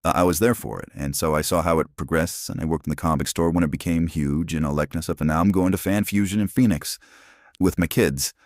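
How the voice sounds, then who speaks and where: A man's voice: steady tone, fast, darkish tone, dry recording, studio quality. A man in his forties from Arizona, talking through a voice changer, rambling casually with many restarts into a phone. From Arizona, USA. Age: 40s. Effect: voice changer, pitched very deep. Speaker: channel host.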